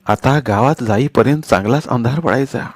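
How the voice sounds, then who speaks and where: A man narrating a storybook in a steady, expressive reading. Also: mid-range voice, moderate pace, no echo.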